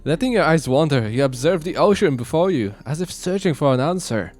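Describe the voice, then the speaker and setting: A man with a somewhat high voice narrates a visual novel for his channel. His reading is casual and playful, with a light touch. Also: lively intonation, fairly quick, a little mellow, faint music behind. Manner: playful, reads then breaks into jokes.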